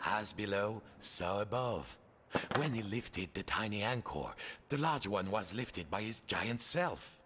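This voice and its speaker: An actor narrating a video game like a storybook, theatrical and playful. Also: male voice, lowish voice, animated, measured pace. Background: game music.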